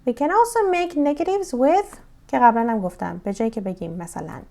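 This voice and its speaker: A young woman with a Persian accent teaching English grammar, giving slow, deliberate English examples and quick explanations in Persian. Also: on the high side, creaky, warm tone. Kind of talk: grammar lesson.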